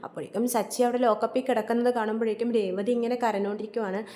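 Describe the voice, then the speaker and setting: A woman's voice: a little high, fairly even intonation, dark tone. A woman chattily retelling a TV serial episode as a storyteller. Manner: rapid, chatty plot retelling.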